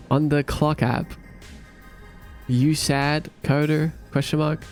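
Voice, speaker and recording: A young man chats on a livestream, teasing and laughing as he reads out comments. His voice has a gravelly, fry-tinged texture. Quiet music plays in the background. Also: on the high side. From Australia. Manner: playful, laughing, teasing chat. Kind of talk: casual chat reading viewer comments.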